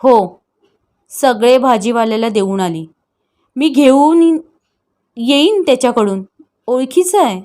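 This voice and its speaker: A woman voicing a patient young sister-in-law who coaxes and teaches gently, in an audio story. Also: on the high side, lively intonation, slow pace, pauses often. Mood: gentle. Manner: gentle, coaxing.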